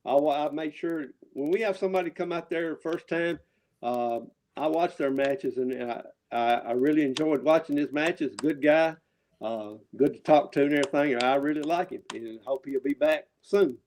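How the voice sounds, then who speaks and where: High-voiced Southern man, rambling and emphatic. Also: normal speed, a little mellow, a little hiss or hum. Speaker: wrestling promotion owner, show guest. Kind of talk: casual, profane wrestling trash talk.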